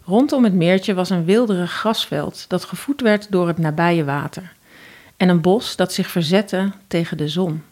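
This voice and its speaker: A woman with a Dutch accent narrating a fairy tale in a calm, even storytelling voice. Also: on the low side, normal speed.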